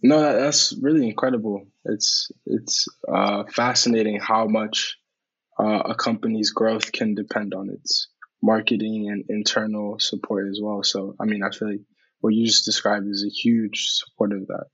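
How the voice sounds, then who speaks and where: Low, gravelly-voiced male host. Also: little pitch movement, normal speed, fairly bright tone, highs cut off. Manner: encouraging, hesitant phrasing. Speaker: podcast host. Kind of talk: interview questions.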